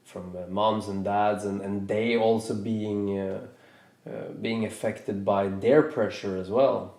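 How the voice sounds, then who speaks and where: In an echoey room, a Norwegian podcast host in his thirties reflects in relaxed conversation, thoughtful but hesitant, restarting sentences and doubling back at a slow pace. His voice is low, mellow and warm, holding a steady tone.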